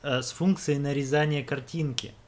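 A man co-hosting a casual chat, telling stories in a relaxed, slangy way. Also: a little high, normal speed, slight background noise. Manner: laid-back, slangy storytelling. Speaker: podcast co-host.

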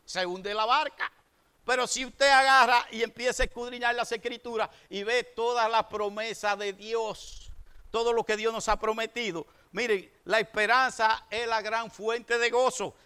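A man in his sixties preaching a sermon to his congregation, swinging between emphatic raised bursts and quiet asides. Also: high voice, fairly even intonation, moderate pace, clear, resonant tone. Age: 60s. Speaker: pastor.

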